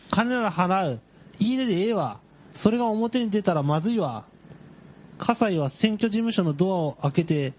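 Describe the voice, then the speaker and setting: A scheming male letter writer with a Kansai accent, as a radio host reads him out, talking in a conspiratorial, pleading way with lively swings in pitch. The voice sits a little high. It comes over a dull, lo-fi radio recording with a faint hiss.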